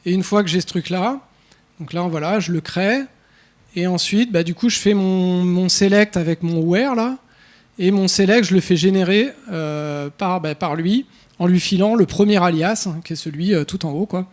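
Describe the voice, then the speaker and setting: A man with a fairly high voice talks through code on stage at a developer meetup. His delivery is casual and loose, full of hesitations, restarts and filler words as he walks the audience through each step. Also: moderate pace. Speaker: conference speaker. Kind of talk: live coding talk. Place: conference room.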